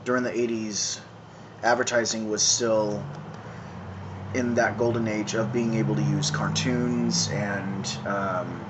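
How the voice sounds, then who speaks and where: Man, 30s, casual phone vlog, halting with ums, slightly low voice, outdoor noise behind. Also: flat delivery. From San Francisco, California. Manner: halting, many ums and restarts, conversational. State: smoking while talking. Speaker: vlogger. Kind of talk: casual rambling monologue. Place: outdoors in town, evening. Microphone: phone camera. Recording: phone video with clear background noise.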